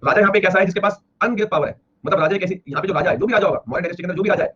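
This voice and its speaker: An Indian man lectures a history class at a rapid clip, repeating each point as he explains it. His voice sits a little high for a man. The recording is dull and lo-fi, with faint classroom ambience behind him. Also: pushed and bright, breathy edge. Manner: rapid, repetitive explaining, slowing to read English lines aloud. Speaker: history teacher. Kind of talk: classroom lecture mixing Hindi and English.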